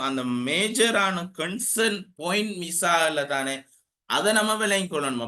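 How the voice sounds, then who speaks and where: Bright-voiced Sri teacher. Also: male voice, fairly high pitch. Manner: slow deliberate dictation of example sentences. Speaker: English teacher. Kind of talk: classroom grammar lesson.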